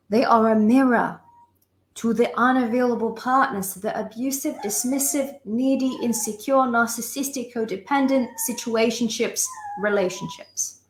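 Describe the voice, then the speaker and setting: On a rough recording, the Lithuanian relationship coach's voice sits on the high side. The young woman runs a live online masterclass, impassioned and emphatic, repeating phrases in lists and addressing listeners warmly as "sisters" and "loves."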